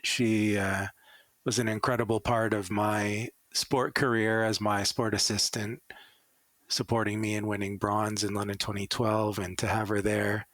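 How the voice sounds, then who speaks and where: A man's voice: on the low side, level tone, unhurried, fairly bright tone, dry recording. A man with a Canadian accent, a former Paralympic athlete, answering interview questions with enthusiastic stories. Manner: enthusiastic storytelling.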